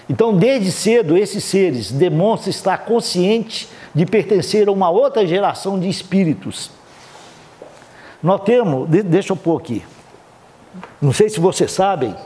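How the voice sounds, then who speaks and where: A man's voice: high-pitched, mellow. A man lecturing a live audience at a spiritist seminar, explaining step by step and checking in with listeners often. He speaks with a Brazilian Portuguese accent.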